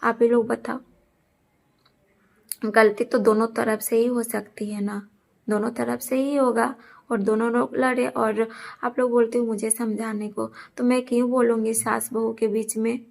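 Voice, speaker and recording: Young vlogger girl, gravelly kinda flat voice, keeps explaining herself to viewers. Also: on the high side, measured pace. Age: young adult. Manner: earnest, defensive, repeats her points. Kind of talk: casual talk to camera.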